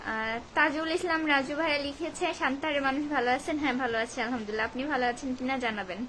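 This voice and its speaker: A woman's voice: sits high, very fast, fairly bright tone, a little hiss or hum, poor audio. A woman chats informally on a live stream, reading out viewers' comments and answering them with casual grumbling. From Bogura district, Bangladesh. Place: at home during a storm and power cut.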